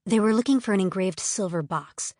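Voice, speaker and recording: A woman's voice: mid-range voice, a little fast, dark tone, no room sound, clean studio sound, lightly acted. A woman voicing the young heroine of an audiobook, answering in a snappish, defensive way. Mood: matter-of-fact. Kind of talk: audiobook character voice.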